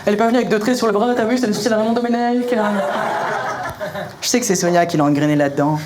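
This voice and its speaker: A young man performing punchy stand-up comedy in colloquial, slangy language, telling animated stories and acting out dialogue. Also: high voice, rapid-fire, crowd noise. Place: live comedy venue. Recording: live show recording with clear noise.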